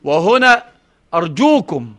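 A man's voice: sits high, very animated, a little slow, fairly bright tone. A man giving a religious lesson. He quotes scripture, asks his listeners questions and answers them himself, and often restarts and repeats words. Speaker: Islamic scholar teaching a book. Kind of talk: religious lesson with Quran recitation.

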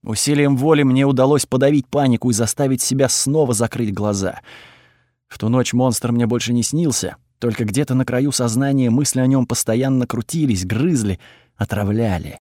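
Measured male narrator for first-person fantasy, mid voice, dry booth. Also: medium pitch, dark tone, no echo. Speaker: audiobook narrator.

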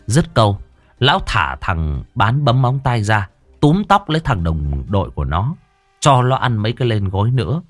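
A man narrating a comic folk-style story in a colloquial, crude and lively way. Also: fairly low pitch, moderate pace, no room sound, faint music behind. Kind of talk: casual spoken story narration.

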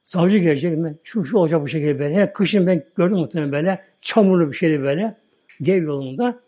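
A man preaching a sermon, telling a story in a folksy, repetitive, animated way. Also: a little high, fast talker, slightly rough.

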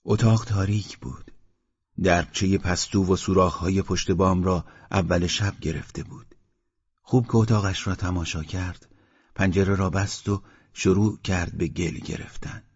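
A man narrating a story in a steady, measured reading, in a dull lo-fi audiobook recording. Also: sits low, slightly rough, no echo.

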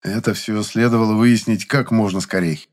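A man narrating a first-person audiobook in an even, dry storytelling manner. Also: fairly low pitch, moderate pace.

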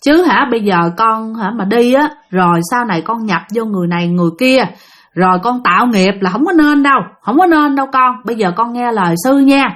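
A woman voicing a kindly male Buddhist monk who speaks softly and coaxingly. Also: fairly high pitch, fairly quick, lightly acted. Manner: soft and coaxing.

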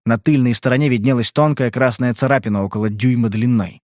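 Steady male audiobook narrator, mid-pitched, measured delivery, dry booth sound. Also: no room sound. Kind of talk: scripted narration.

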